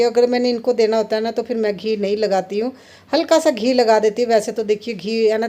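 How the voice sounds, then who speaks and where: A woman in her thirties, medium-pitched and warm, talks to her viewers as she cooks in her home kitchen. She's a home vlogger giving casual narration and laughs a lot along the way.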